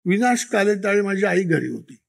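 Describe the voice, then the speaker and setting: A man tells lively anecdotes, slipping into quoted voices and laughing along the way. His voice sits high and carries a gravelly edge. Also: normal speed. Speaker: children's author and interview guest. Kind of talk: storytelling interview talk.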